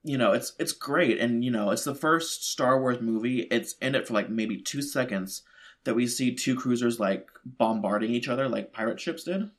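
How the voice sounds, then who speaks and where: A man's voice: medium pitch, normal speed. A man co-hosting a podcast who rambles in casual chat, full of "like" and "you know". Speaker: podcast co-host.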